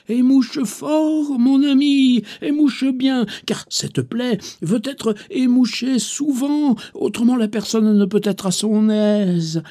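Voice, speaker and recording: A man voicing a fussy, pious male lion who keeps urging a fox in a coaxing, repetitive way. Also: heavily acted. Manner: coaxing, repetitive, raised pitch with some shouted calls.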